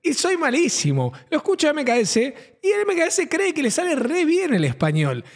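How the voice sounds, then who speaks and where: An excitable man with an Argentine accent rattles off reaction commentary in a high voice that leaps around. He hammers his points by repeating himself and swears freely, and a long reverb trails each phrase. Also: moderate pace, creaky. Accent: Argentine Spanish. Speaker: streamer reacting to a clip.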